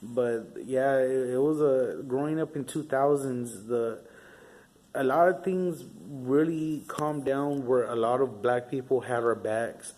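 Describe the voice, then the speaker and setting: In a low-quality recording, a young man's mid-range voice comes out slow and a little mellow. He's a Southern California vlogger telling stories in a rambling, casual monologue full of profane street talk and fillers.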